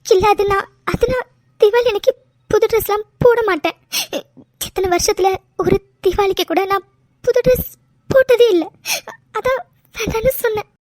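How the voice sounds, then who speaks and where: A woman voicing a tearful young woman from a children's home in a cartoon love story, crying and answering in halting phrases. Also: extremely high pitch, no echo. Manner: halting, hesitant replies. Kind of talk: cartoon voice acting.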